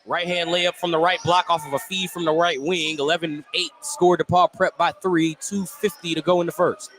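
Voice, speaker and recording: At a moderate pace, a man with a fairly high, fairly bright voice and steady tone calls basketball for live radio. Positioned courtside in a school gym, he details each move in clipped phrases, and the gym broadcast is noisy.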